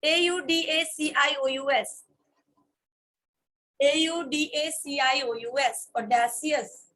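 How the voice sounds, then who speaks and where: Woman teacher, high and bright, spells words aloud and checks in with the class. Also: steady tone, extremely slow, rough recording. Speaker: English vocabulary teacher. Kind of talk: classroom lesson. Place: classroom with students.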